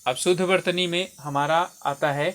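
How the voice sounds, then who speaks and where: A man's voice: on the high side, fairly even intonation, normal speed, a bit bright. Man walking through Hindi exam questions. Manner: explains step by step, repeats words and says "theek hai" often.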